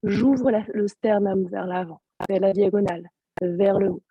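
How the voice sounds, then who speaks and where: A woman yoga teacher with a sore throat, giving calm, soft-spoken step-by-step cues over a video call. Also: medium pitch, unhurried, creaky, slightly rough, no room sound, highs cut off. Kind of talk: guided yoga class instruction.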